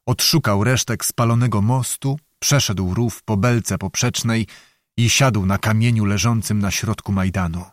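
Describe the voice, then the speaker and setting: A man narrating a historical novel as an audiobook, in a measured, dramatic storytelling manner. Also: mid-range voice, dry recording, clean studio sound.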